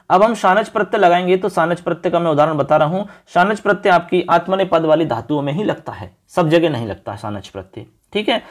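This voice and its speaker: A man teaching an exam-prep lesson, repeating word forms one after another as he addresses his students directly. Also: high voice. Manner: repetitive drilling, speaking straight to students.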